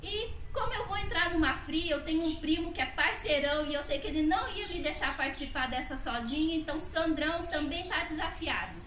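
Young woman, Brazilian accent, casual talk to camera, echoey porch, clear background noise. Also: high voice, lively intonation, fairly quick, hardly any pauses, a bit bright, far from the mic. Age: young adult. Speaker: ice bucket challenge participant. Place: tiled covered porch outdoors. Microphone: camera a few metres away.

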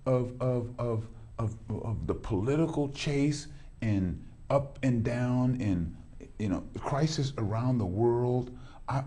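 In a TV studio with a backdrop, a middle-aged pastor from Los Angeles, California hosts an interview, rambling and repeating words a lot. His voice is medium-pitched and dark-toned, with a breathy edge.

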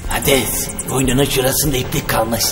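An actor playing a calm, sly vampire count. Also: male voice, medium pitch, normal speed, over music, natural voice.

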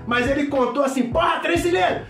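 An actor playing a loud, brash middle-aged mechanic with a Carioca accent, who shouts, swears constantly and rambles in a comedy sketch. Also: male voice, very high-pitched, fairly quick, gravelly, heavily acted. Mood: boisterous. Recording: echoey room, distant mic, faint music.

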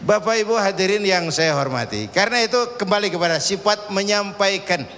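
A man's voice: high-pitched, expressive, brisk, a bit bright. A man preaching a sermon to a congregation in a casual way, telling stories and acting out their voices. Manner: storytelling, acting out voices in a parable. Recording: reverberant hall, faint ambient noise.

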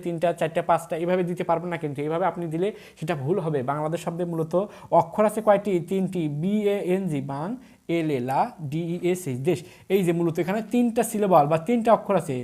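A patient grammar tutor, talking at an even middle pitch through a recorded video lesson. The teacher sounds out each word letter by letter, says the key point twice and keeps quizzing the viewers.

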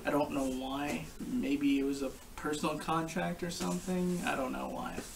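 A young adult man talks through gear in a casual review, explaining it informally and haltingly. His voice has a gravelly, creaky edge and sits slightly high for a man. It is picked up by a camera mic some way off, with faint noise in the room. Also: fairly even intonation, far from the mic. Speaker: gas mask collector and reviewer. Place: living room couch, indoors. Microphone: camera a short distance away.

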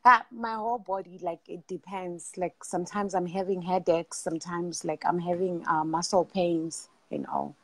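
A young woman speaks over a video call, soft and halting, leaning on fillers. Her sound is dry and close, with no room around it. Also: fairly low pitch, steady tone, slightly rough, no echo. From Zimbabwe. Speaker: caller.

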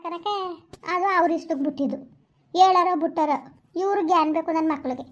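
A woman in a village comedy sketch who scolds and consoles in rapid bursts. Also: extremely high pitch. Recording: dull lo-fi sound.

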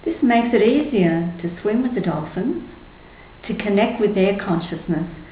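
This woman in her sixties leads spiritual group tours and presents to camera, her mid-range voice dark in tone, expressive and measured in pace. She speaks indoors in a small, echoey room with a cloth backdrop, with faint background noise in the recording.

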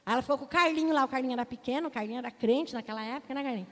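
A Brazilian woman in her forties preaches to her congregation, weaving a personal story into the sermon. She speaks in a fairly high voice and turns often to address the listeners directly. Her voice rings out in a church hall with a long reverb. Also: very fast. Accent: Brazilian Portuguese. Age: 40s. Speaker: pastor.

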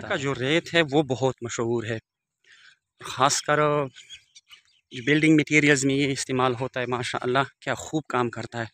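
A sharp-toned, mid-range male voice comes through with slight background noise. The speaker, a village vlogger in his forties, walks outdoors in open riverbed countryside giving tour commentary into his handheld phone camera, formally and devoutly, using Arabic blessings.

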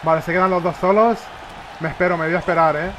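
A man with a Spain Spanish accent giving excitable live commentary over a wrestling video game, reacting with shouts. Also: high voice, quick pace. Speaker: gamer. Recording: loud game crowd and noise behind. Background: wrestling game crowd noise.

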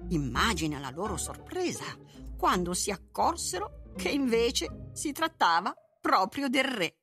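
Brief: woman storybook narrator, slow and lively in pitch, bright tone. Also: faint music behind. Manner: expressive, unhurried reading.

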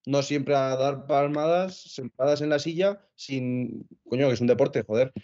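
On a casual sports talk show, a man argues heatedly and swears freely as a panelist. His voice is mellow and medium-pitched at a moderate pace, heard through dull lo-fi video call audio.

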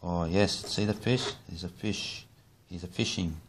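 A low-pitched Australian man with fairly even intonation speaks at a measured pace over background noise. In his kitchen, he makes a casual how-to video about his hobby of rod building, rambling, joking, and swearing freely as he demonstrates.

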